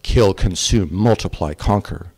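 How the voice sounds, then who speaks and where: A man voicing a cruel, clawed goddess of endless hunger, chanting her commands slowly and starkly in a recited poem. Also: sits low, vocal fry, a little mellow, breathy edge, long reverb tail, full character voice. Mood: grim. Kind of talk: poetry recitation.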